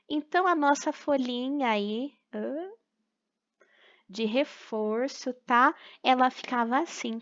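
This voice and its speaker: A bright, fairly high-voiced young woman with a Brazilian Portuguese accent teaches children, drawing each syllable out slowly and patiently. The recording sounds dull and lo-fi. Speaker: primary school teacher. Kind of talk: recorded remote class for children.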